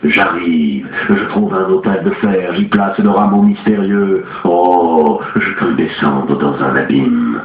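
A man doing a deep solemn spirit. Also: soft background music. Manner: low, slow, solemn recitation. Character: veiled spirit form, solemn and mysterious. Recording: tinny lo-fi, roomy echo.

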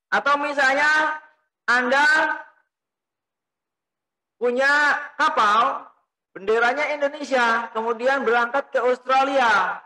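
High, bright-voiced male lecturer. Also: poor audio. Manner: explanatory, asks and answers his own questions; gestures while talking. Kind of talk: recorded lecture. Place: small indoor room. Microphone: desk mic on stand.

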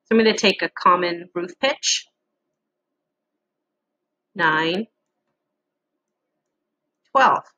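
A middle-aged woman giving a casual, halting lesson walkthrough with frequent pauses, as an instructor on a screen-share recording. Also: fairly low pitch, animated, bright, forceful tone, dull audio.

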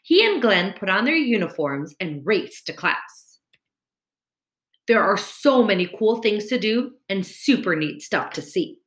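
A woman in her thirties, medium in pitch, reads to young children from a storybook with a teacher's expressive style. The clip is a screen-recorded webcam video made at home on a computer mic at webcam distance, with a roomy, echoing quality.

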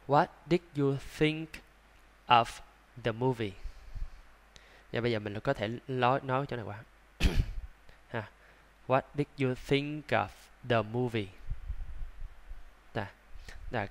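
A man with a Vietnamese accent teaching English pronunciation, sounding out words slowly, repeating them and adding chatty asides. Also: mid-range voice. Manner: breaks into soft laughs and chatty asides. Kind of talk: slow, drawn-out pronunciation lesson.

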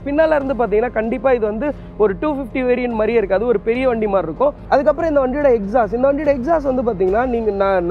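A young man from Tamil Nadu reviewing a motorcycle to the camera outdoors by a roadside, explaining quickly. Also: very high voice, phone-quality sound. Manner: rapid explanatory talk, standing by a motorbike.

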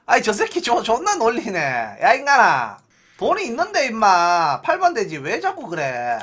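A man streaming a game live, commentating excitedly, cursing often and shouting countdowns before big attempts. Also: high-pitched, normal speed, husky.

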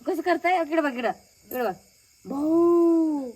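A young village woman talks casually to the camera in a home vlog. Her voice sits high, and she keeps coaxing a small child with chatty, repeated questions. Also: a little slow, fairly bright tone. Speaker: village vlogger.

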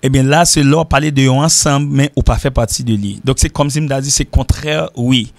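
A man from Haiti with a Haitian accent, teaching an informal language lesson and repeating example sentences slowly. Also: mid-range voice, fairly even intonation, vocal fry, no echo. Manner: repeats example sentences slowly, switching between French and Creole. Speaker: English teacher.

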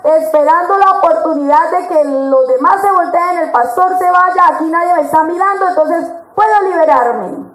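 Woman preacher at a women's conference, high-pitched and animated, miked in an echoey hall. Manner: lively, acts out quoted voices of others.

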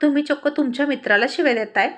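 A woman's voice: high-pitched, fast talker, close to an everyday voice. A woman storyteller voicing a shy, giggly young wife who scolds her husband playfully. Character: laughing, bashful young wife.

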